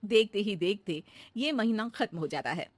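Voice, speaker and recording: A woman's voice: mid-range voice, animated, normal speed, dry recording, studio quality. A woman narrating a scripted children's cartoon story as the storyteller.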